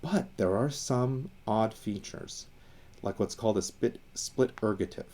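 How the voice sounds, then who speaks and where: The speaker is an Iranian man with a darkish voice on the low side, taking his time. An educator on Assyrian language and identity, he chats informally about language history. He lingers over the words he defines while thinking out loud, using fillers and restarting sentences.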